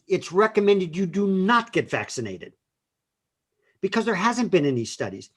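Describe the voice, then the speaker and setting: Argumentative man building his case. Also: a little high. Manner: measured argumentative, builds points with emphatic rises. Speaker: co-host, lawyer. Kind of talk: opinionated talk show discussion.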